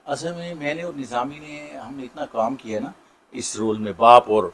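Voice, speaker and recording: A middle-aged actor with a Saraiki accent, answering interview questions in a warm, grateful way with many pauses. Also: male voice, medium pitch, crowd noise. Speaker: Saraiki drama and film actor.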